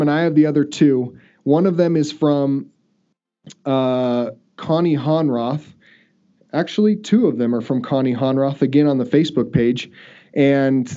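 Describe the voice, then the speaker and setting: A man hosts a relaxed podcast chat and talks in a loose, rambling way, often restarting his sentences. His voice is mellow and dark. The audio is dull and lo-fi. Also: on the high side. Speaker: podcast host.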